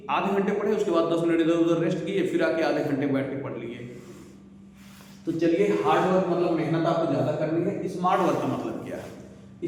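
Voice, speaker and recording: A man's voice: a little high, darkish tone. A male teacher giving fatherly exam advice to students, recorded in an echoey room. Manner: fatherly, addresses students as beta. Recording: echoey room with faint hiss.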